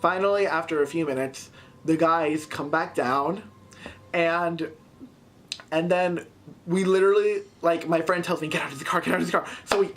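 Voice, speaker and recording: Excitable teen girl telling a story. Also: on the low side, normal speed, slight background noise. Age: teens. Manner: excitable, animated retelling with many fillers. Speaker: vlogger. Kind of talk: casual storytime.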